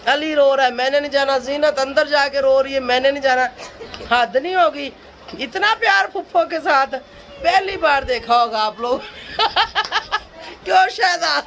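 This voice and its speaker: A woman's voice: sits high, a little slow, fairly bright tone, a little hiss or hum. A woman from Pakistan, chatting to camera in a casual family vlog, tired, laughing often and calling out to relatives. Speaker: family vlogger.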